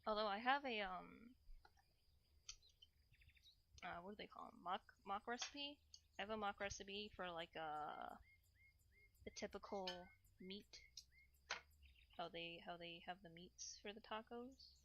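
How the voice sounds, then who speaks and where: A woman with a medium-pitched voice talks unhurriedly to her livestream audience as she cooks. In a playful, rambling manner she keeps repeating short phrases and drifting into cute broken grammar. The background is noisy.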